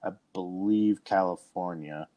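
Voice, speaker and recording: Low-voiced man leading a rambling chat. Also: a little slow, warm tone. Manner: rambling, restarts sentences often, leads the discussion. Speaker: podcast co-host. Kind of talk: casual chat.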